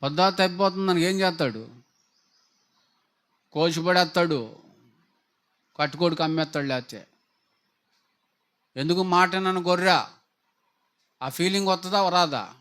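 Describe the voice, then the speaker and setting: Male pastor, fervent sermon delivery, rhetorical questions, voice on the higher side. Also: normal speed, long pauses, fairly bright tone. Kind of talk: Telugu sermon.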